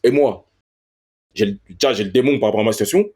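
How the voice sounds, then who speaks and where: A man's voice: fairly low pitch, quick pace, darkish tone, breathy edge. A professional footballer, a man, telling a story as an interview guest in slangy street French and acting out other people in raised voices.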